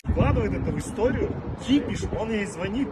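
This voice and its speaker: A man's voice: high voice, lively intonation, a little fast. A man speaking casual dialogue in a comedy skit. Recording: echoey, very noisy, off-mic phone video.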